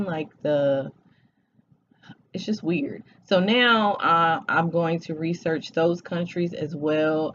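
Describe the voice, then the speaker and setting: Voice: medium pitch, highs cut off, a little hiss or hum. A vlogger in their forties chatting casually to camera, talking hesitantly with many fillers and restarts. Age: 40s.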